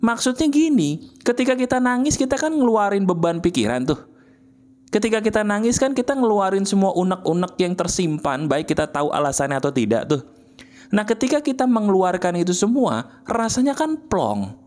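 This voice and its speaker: A man giving a motivational monologue straight to the listener. He coaxes and repeats himself, asks rhetorical questions, and swings between soft low murmurs and high emphatic bursts. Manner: intimate, coaxing, with frequent repetition and rhetorical questions. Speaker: motivational speaker.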